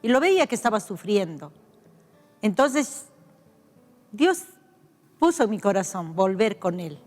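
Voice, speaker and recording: An older woman pastor from Peru, with a Peruvian accent, telling her life story as a personal testimony, reflective and heartfelt, pausing and restarting. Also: mid-range voice, big pitch swings, a little mellow, big-room sound, soft background music. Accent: Peruvian Spanish.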